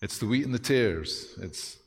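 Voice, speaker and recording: A man preaching a sermon as pastor, lively and self-deprecating, with dramatic pauses. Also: lowish voice, in a large hall.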